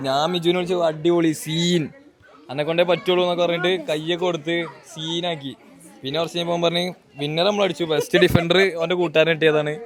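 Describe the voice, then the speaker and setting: Hoarse teasing vlogger man. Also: on the high side. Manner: playful, teasing, eggs people on. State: hoarse, voice strained. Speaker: vlogger host. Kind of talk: casual family vlog chat.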